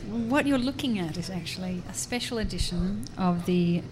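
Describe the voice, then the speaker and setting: Interviewed on radio at a bustling public fair, a woman from Australia, a university professor and artist, speaks in an expressive, lowish voice at a moderate pace. She's chatty, laughs frequently and often begins sentences over. Crowd noise is audible in the background.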